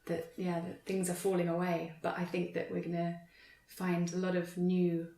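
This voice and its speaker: Her voice is lowish, dark and monotone, at a normal speed. This theatre practitioner speaks hesitantly and reflectively on a panel, hedging throughout a thoughtful, unscripted talk captured with echoey room sound.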